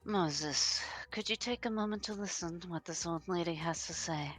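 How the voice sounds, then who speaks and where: A woman voicing an old female blood fiend who owns a hotel, speaking in a measured, courtly way as part of a live read of a game script. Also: mid-range voice, fairly bright tone, faint music behind, lightly acted. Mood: admiring.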